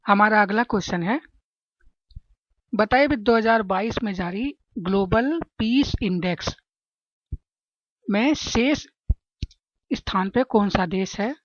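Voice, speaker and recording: A woman walks listeners through exam questions, building little memory tricks and checking in with them as she goes. Her voice sits at a middle pitch. The recording is dry and slightly muffled, as from a small room. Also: slow, long pauses, no echo. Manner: chatty, keeps asking "है ना?" to check understanding. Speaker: exam-prep teacher.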